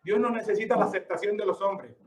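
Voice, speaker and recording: A man's voice: high-pitched, fast talker, roomy sound, far from the mic, poor audio. A man preaching a sermon with emphasis, asking rhetorical questions and calling the listeners brother.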